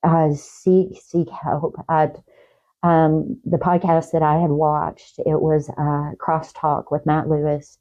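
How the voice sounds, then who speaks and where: A woman appears as a talk show guest, offering heartfelt, faith-based encouragement haltingly and repeating words and phrases. Her voice is low, warm, and level in tone, though the recording sounds muffled.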